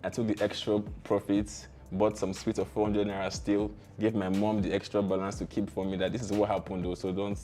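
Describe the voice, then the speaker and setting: Deep-voiced Nigerian man telling stories. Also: fairly quick, hardly any pauses, faint music behind. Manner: relaxed, laughs often, slangy asides. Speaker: startup founder and guest. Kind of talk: casual interview storytelling.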